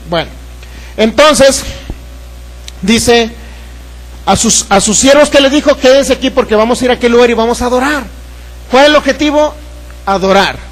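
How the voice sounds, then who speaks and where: A man's voice: very high voice, rough recording. A man with a Mexican Spanish accent preaching a sermon, putting questions to the congregation and acting out Bible scenes. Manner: acts out voices from the Bible story. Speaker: pastor.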